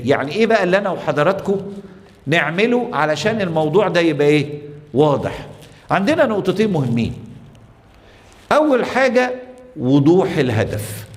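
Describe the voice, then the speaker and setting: A man's voice: a little high, long reverb tail. A man with an Egyptian Arabic accent, a priest preaching a sermon, telling stories and putting rhetorical questions to the congregation.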